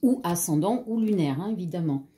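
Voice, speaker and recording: A woman's voice: fairly low pitch, lively intonation, a little fast, warm tone, a little hiss or hum. A French-accented woman giving a casual tarot reading, hesitant with many fillers and chatty asides, a slight frog in her throat. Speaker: tarot card reader.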